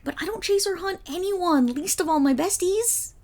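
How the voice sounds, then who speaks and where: A woman voicing an excitable, affectionate dog-eared girl in an ASMR role-play, loud and giggly. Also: very high-pitched, normal speed. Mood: eager.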